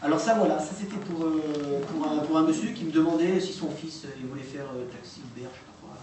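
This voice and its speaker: A man's voice: a little high, fast talker, darkish tone. A man presenting recordings to a live audience in an informal, hesitant way, full of fillers and restarts. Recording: echoey room, distant mic, noisy.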